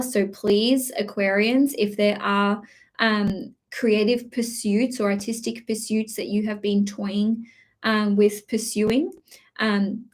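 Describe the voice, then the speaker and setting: A woman giving a chatty live-streamed horoscope reading, with many fillers, restarts and a slight cough. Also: medium pitch. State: slight cough, throat clearing. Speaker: astrology reader.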